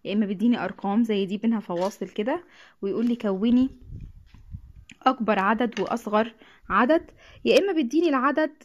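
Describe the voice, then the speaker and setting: Egyptian lady math teacher, kinda high voice, talks quick, clears her throat a lot. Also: muffled recording. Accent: Egyptian Arabic. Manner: patient, repeats each point, frequent throat clearing. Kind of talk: classroom math lesson.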